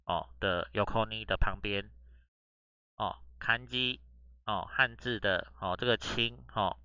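Taiwanese-accented male Japanese tutor, casual lesson, lowish bright voice, reads Japanese then explains it, full of "oh" and "ha" fillers. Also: takes it slowly, smooth, dry recording, dull audio. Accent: Taiwanese Mandarin. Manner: chatty, drops "oh" and "ha" between nearly every phrase. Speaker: Japanese language teacher. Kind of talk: casual online lesson reading through a news text.

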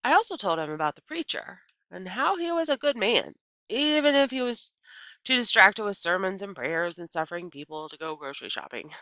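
A middle-aged woman at medium pitch narrates a children's novel aloud like a teacher, expressive and deliberate, leaning on important words. Her computer-microphone recording from a small bookshelf-filled room is dry, dull, and lo-fi.

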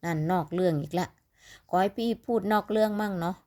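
This woman's lowish, darkish voice moves a little fast, carrying a northeastern Thai Isan accent. Sounding sleepy, she chats and rambles to viewers she calls "little siblings" while tipping lottery numbers.

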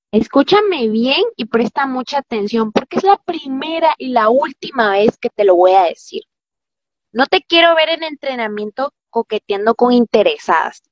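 A woman's voice: on the high side, no echo, lightly acted. A woman playing a bossy, jealous young girlfriend, scolding emphatically in a comic skit. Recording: dull lo-fi audio.

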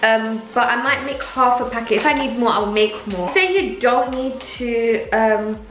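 A woman's voice: fairly high pitch, measured pace, fairly bright tone. Chatty young woman in an echoey kitchen. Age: young adult. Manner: chatty, upbeat, rambling asides to viewers. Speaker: vlogger. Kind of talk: casual cooking vlog. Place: home kitchen, indoors. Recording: roomy kitchen echo, faint background music.

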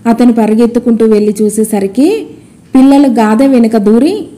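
A woman's voice: a little high, moderate pace, dark tone. Woman narrating a folk tale. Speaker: storyteller. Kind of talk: storybook narration.

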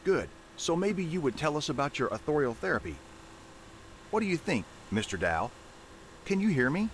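A man's voice: a little high, very animated, normal speed, slight background noise, rough recording. An actor playing a formal, probing male interrogator in a horror game. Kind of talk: scripted game voice acting.

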